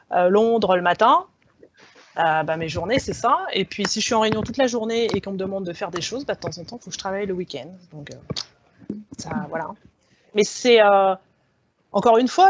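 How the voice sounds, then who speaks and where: A woman's voice: mid-range voice, slight background noise. A woman speaking frankly and with animation as a guest in a panel discussion. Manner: lively, frank, laughing. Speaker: alumna guest. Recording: dull lo-fi audio.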